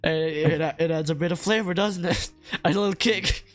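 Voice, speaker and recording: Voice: mid-range voice, normal speed, soft background music. A stream host in casual group chat, joking with exaggerated outrage and laughing often.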